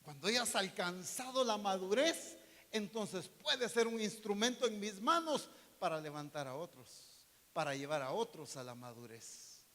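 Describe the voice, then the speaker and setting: A male pastor preaching a sermon, asking the congregation questions and reading verses, swinging between loud emphasis and soft, slow phrases. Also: high-pitched, lively intonation. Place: church sanctuary. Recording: long hall reverb.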